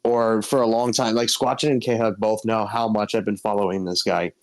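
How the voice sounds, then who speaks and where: A man in his twenties, a guest on a casual stream, telling gossipy stories in an animated way. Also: fairly low pitch, normal speed. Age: 20s.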